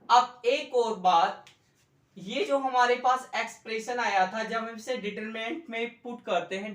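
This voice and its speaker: A man explains math at a board, slowly and patiently. He repeats each point and asks his students questions as he goes. He sounds some distance from the mic, in an echoey classroom. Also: sits high, a bit bright. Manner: slow, repetitive, quizzes students with questions. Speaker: economics tutor. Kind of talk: whiteboard math lesson. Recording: echoey room, mic far off.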